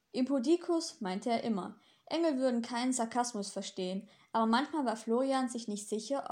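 A woman reads a novel aloud in steady, even narration. Her voice sits slightly high. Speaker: audiobook narrator. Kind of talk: scripted narration.

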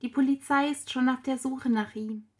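A woman's voice: high-pitched, fairly even intonation, normal speed, darkish tone, husky. A woman voicing a distressed teenage girl who is close to tears, in a storybook reading. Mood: tearful.

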